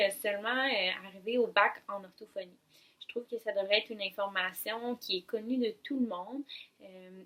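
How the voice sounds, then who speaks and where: Bright-voiced Québécois speech therapist. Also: female voice, mid-range voice. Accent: Québécois French. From Quebec. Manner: calm, advising, explains step by step. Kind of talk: educational video talk.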